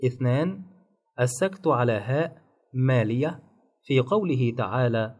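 A man calmly narrating a lesson on Quran recitation rules, listing points one by one. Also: mid-range voice, breathy edge, muffled recording. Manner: measured, enumerating rules point by point. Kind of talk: scripted instructional narration.

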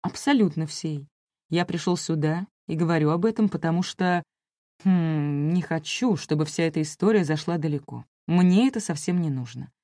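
A woman's voice: low voice, normal speed, mellow, dry recording, studio quality, lightly acted. A woman reading a menacing official, every word clipped. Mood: veiled threat. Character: stern male official, menacing, measured.

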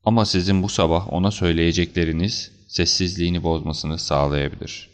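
A man voicing a calm, assured detective who explains things in a measured, slightly stern way, for an audiobook. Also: sits low, close to an everyday voice. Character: calm, assured male detective, cool and deliberate. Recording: slightly dull lo-fi recording.

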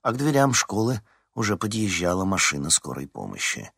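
A man narrates a novel in a low voice that rises and falls with feeling. The sound is close and dry, with no room around it. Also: a little fast, vocal fry, husky, no echo. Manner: expressive, voices each character. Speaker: audiobook narrator. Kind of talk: scripted narration.

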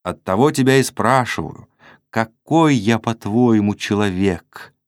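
A man's voice: on the low side, lively intonation, a little slow, no echo, clean studio sound. A male narrator voicing a gloomy, restless young man who questions and pleads earnestly in an audiobook. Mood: brooding. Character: brooding troubled young merchant man.

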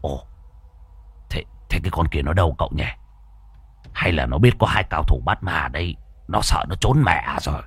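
Flustered crude old ghost hunter, stammering, as a male narrator puts him on, low husky voice. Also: fast talker, pauses often. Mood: fretful. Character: jittery old male exorcist, bumbling and crude.

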